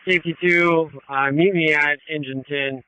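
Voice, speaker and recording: A man in a police and fire radio exchange, speaking in halting, improvised phrases. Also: a little high, steady tone, sharp tone, clear, resonant tone, no echo. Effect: police radio transmission. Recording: phone-like narrowband scanner audio.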